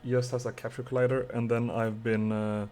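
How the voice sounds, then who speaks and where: A man's voice: mid-range voice, level tone, normal speed, a little mellow, soft background music. A young man from Sweden with a Swedish accent, chatting casually with viewers and muttering to himself while he codes a game on a live stream.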